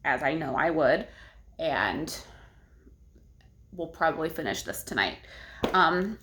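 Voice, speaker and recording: A woman's voice: on the low side, bright, forceful tone. A young woman talking casually at home in a reading vlog diary, chatty and full of fillers. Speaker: book vlogger.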